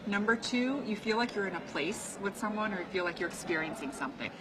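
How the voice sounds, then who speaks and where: A woman in her thirties from the United States, whose first language was Chinese, chats upbeat as an interview guest in a casual on-location interview moving through a car, an office and a rooftop. Her mid-range voice is animated and fast, with background noise and a music bed beneath the talk.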